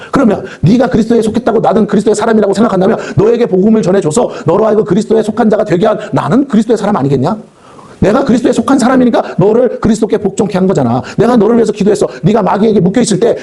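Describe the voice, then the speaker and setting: A male pastor preaching a revival sermon, talking rapidly and rising to shouted rebukes. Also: high voice, breathy edge. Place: prayer house meeting hall.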